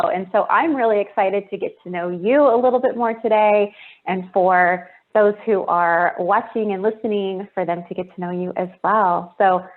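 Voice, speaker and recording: A woman hosts an online interview series from a video call, and her voice comes through thin and phone-like. She talks in an effusive, complimentary way, with plenty of praise for her guest. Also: medium pitch. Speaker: host. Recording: phone-like narrow sound.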